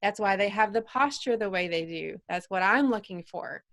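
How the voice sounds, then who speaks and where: Here a podcast host in her forties interviews a guest casually, pressing with questions and speaking in an earnest, coach-like way. She talks at a normal speed in a mid-range, slightly bright voice.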